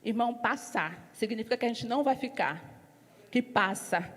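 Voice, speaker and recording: A woman giving her testimony in a church service, telling her story lively, acting out what others said, and growing loud and emphatic as she preaches. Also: a little high, normal speed. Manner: storytelling, acts out other people's lines in quotes. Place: church hall. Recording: long hall reverb.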